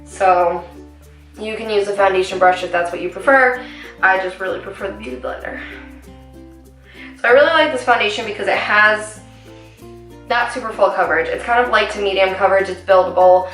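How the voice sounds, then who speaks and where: A young beauty vlogger with a raspy, mid-range voice and a fairly bright tone chats casually through a makeup tutorial, rambling with many ums and asides. She speaks fairly quickly but pauses often. She's far from the mic in a small room at home, so there's a roomy echo and faint music behind her.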